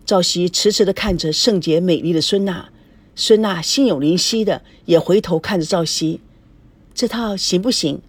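A woman's voice: fairly low pitch, normal speed, slightly rough, dry recording. A woman narrating a novel as an audiobook, reading every part herself. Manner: plain storytelling, reads every part herself.

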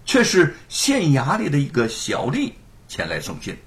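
A man performing a traditional Chinese storytelling piece, narrating in a dramatic, animated way. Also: medium pitch, normal speed.

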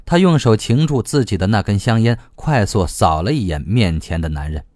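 A man narrating a novel as an audiobook, reading in a lively, expressive way. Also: on the low side, normal speed, no echo, clean studio sound.

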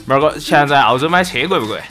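A man's voice: on the high side, animated, racing, over loud music. A man with a Sichuan accent tossing joking remarks into a casual chat.

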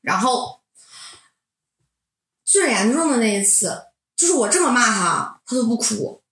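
A woman in her twenties, a doctoral student, telling a candid personal story in an animated, sometimes heated way. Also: fairly high pitch, measured pace. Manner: animated, heated, then reflective. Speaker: doctoral student recounting mentoring. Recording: roomy echo.

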